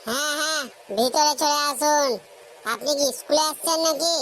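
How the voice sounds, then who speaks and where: A short-fused young shopkeeper from a cartoon comedy, voiced by a man, loud and scolding, pitched up very high. His voice sits over a faint hiss of noise. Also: heavily acted. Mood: mocking. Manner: loud, scolding, quick to snap at customers. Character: hot-tempered young male shopkeeper Madan.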